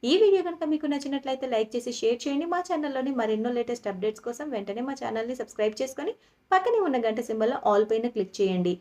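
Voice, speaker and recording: Brief: woman recap narrator, highish voice, many hesitations and fillers. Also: expressive, quick pace, mellow. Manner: frequent "ah" fillers and restarts, acting out quotes. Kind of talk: storytelling episode recap.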